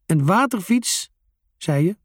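Booming dad in a kids' story, read by the narrator, husky, big swoops in pitch. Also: expressive, takes it slowly, no echo, studio quality. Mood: jolly. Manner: booming, grumbling. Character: gruff grown-up father, bellowing then jolly.

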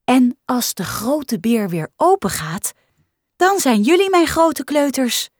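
A patient kindergarten teacher who coaxes her class along with gentle words, read by a woman. The voice swings lively up and down at an unhurried pace. It sounds close and dry in a storybook reading. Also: high voice, dry recording, pitched above the performer's own voice, exaggerated voice. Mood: coaxing. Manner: gentle, coaxing.

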